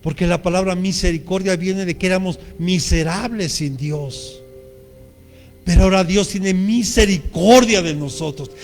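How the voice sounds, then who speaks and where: A man's voice: high voice, moderate pace, long reverb tail, faint music behind. A man with a Mexican accent preaching a sermon as pastor, speaking earnestly and addressing the congregation directly. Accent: Mexican Spanish.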